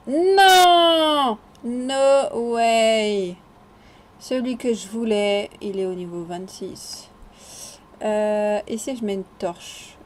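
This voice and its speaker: A woman narrates her gameplay in a relaxed, chatty vlog style, often joking with the game's characters. She takes her time, speaking slowly and without hurry. A faint noise sits behind her voice. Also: fairly low pitch. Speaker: gaming vlogger. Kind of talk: casual gameplay commentary.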